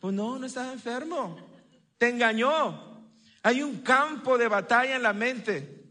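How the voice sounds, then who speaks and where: A man preaching a sermon as a pastor, lively, with asides to the congregation and playful voices. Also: very high-pitched, measured pace. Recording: long reverb of a large hall.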